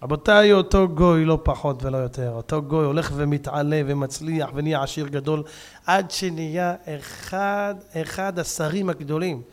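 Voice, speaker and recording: A man preaching a sermon as a rabbi, with great passion. He swings from fiery outbursts to soft, pleading appeals. His voice sits high. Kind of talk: impassioned sermon.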